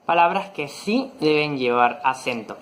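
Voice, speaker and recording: A presenter giving a virtual lesson on spelling rules in a measured, methodical way, pausing now and then on short fillers. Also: mid-range voice, expressive, a bit bright. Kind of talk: explanatory lecture, partly read.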